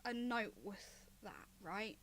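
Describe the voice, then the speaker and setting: A woman narrating as game master, quick and descriptive, with small restarts. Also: medium pitch, animated, a bit bright, slight background noise.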